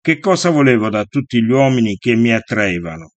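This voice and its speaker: A man reading a first-person novel aloud in a measured, unhurried way. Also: medium pitch, sing-song, no echo. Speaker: audiobook reader.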